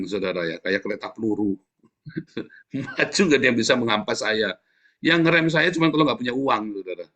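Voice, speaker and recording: A man preaching an informal sermon, joking and laughing as he addresses the congregation. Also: lowish voice. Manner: animated, jokey, frequent laughing asides, addresses congregation as saudara.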